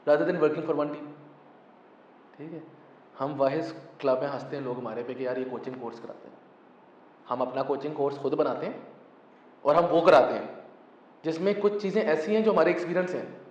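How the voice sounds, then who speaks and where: In a casual interview, a Pakistani football club founder and coach in his twenties talks emphatically at a moderate pace, pausing often, his voice high-leaning and darkish. English phrases and a frequent "thik hai" run through his speech, and the sound is echoey, distant and muffled with a faint hum.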